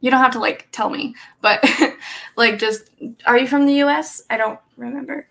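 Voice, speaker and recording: Speaking at normal speed with a fairly bright, vocal-fry-tinged voice on the high side, this young adult streamer keeps her intonation fairly even. She rambles casually with live chat readers, full of fillers and nervous laughter, in a small indoor bedroom with a bookshelf. Her desk webcam picks her up.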